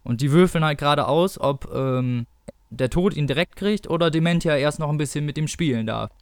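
A man's voice: a little high, fairly quick, clear, resonant tone, dry recording. A man, an author, casually retelling his story with many fillers, then reading an excerpt from it aloud. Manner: loose, filler-heavy retelling. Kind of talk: casual chat and read-aloud narration.

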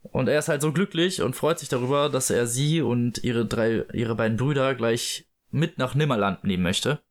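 A man's voice: medium pitch, moderate pace. A man casually retelling a story as a host, loose and full of fillers. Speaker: host reading and discussing a book. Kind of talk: casual chat and book read-aloud.

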